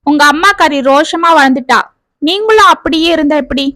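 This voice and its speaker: A frank elderly grandmother, voiced by a woman reading the story aloud, handing out blunt counsel with a scolding edge. The voice sits high and sounds dry and close, as in a storybook reading. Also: brisk, sharp tone, no room sound. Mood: advising. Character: elderly village grandmother neighbor, frank and advising.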